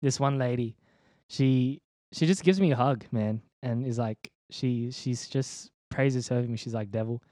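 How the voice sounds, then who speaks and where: A man's voice: medium pitch, a little slow, mellow, no room sound, studio quality. A young man giving a personal faith testimony in an interview, laid-back and slangy, with many ums and restarts. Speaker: interview guest, church leader.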